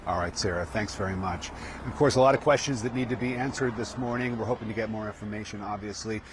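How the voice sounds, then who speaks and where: Male live reporter, fairly low register, halting ad-lib delivery, light outdoor noise. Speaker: field news reporter. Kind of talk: live news reporting, ad-libbed. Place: outdoors at the scene. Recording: outdoor street and traffic noise.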